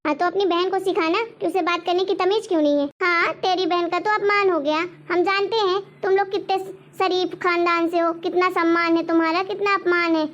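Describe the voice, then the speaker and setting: A woman's voice: very high voice, fairly even intonation, fairly quick, few pauses, fairly bright tone, dull audio. Woman playing a scornful stingy mother-in-law. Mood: scolding. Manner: scolding, taunting, repeats demands. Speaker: mother-in-law in a family drama. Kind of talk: homemade web-drama acting.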